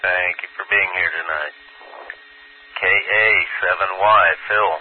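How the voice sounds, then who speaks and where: A man running an amateur radio net as control operator, reading procedures and calling the roll in a measured, formal way, heard over a radio link with static. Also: sits low, steady tone. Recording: narrow radio band with faint static hiss.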